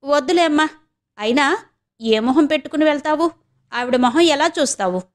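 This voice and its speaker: A sharp-tongued, defensive grown daughter, as a woman narrator puts her on in an audio novel. She retorts in a raised, clipped voice pitched on the high side. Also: animated, moderate pace.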